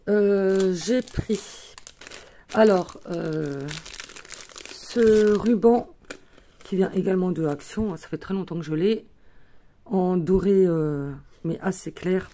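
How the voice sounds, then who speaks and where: Slow, mellow woman showing crafts. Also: mid-range voice, a little hiss or hum. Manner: chatty, fills with "euh" and "voilà", talks while handling materials. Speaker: crafting tutorial host. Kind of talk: casual craft demonstration.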